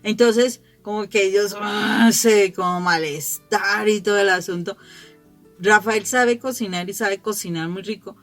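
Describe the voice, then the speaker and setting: A woman's voice: medium pitch, unhurried, a bit bright, soft background music. Chatty middle-aged woman, reflective. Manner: chatty storyteller who laughs often and restarts phrases. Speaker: lay speaker giving a family gospel reflection. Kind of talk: conversational gospel reflection with personal anecdotes.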